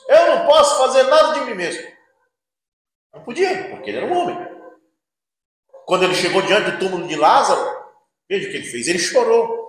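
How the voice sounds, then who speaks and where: A male preacher gives a dramatic sermon and acts out the lines he quotes. His high voice swings widely in pitch, moving from loud cries to hushed asides. Heavy echo from the church hall surrounds every word.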